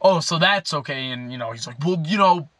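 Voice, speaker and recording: A man's voice: fairly high pitch, lively intonation, brisk, fairly bright tone, no room sound. A young man telling a rambling, agitated story as a political activist vlogger, full of fillers and restarts. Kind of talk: ranting casual vlog.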